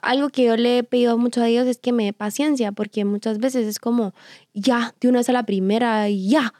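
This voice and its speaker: A Guatemalan woman speaks in a fairly high voice, co-hosting a casual faith-based chat about parenting. She tells anecdotes earnestly and easily slips into quoting an inner voice. The sound is close and dry. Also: fairly even intonation, brisk, a little mellow, no echo. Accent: Guatemalan Spanish. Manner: earnest, storytelling, quotes inner voice. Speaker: podcast co-host.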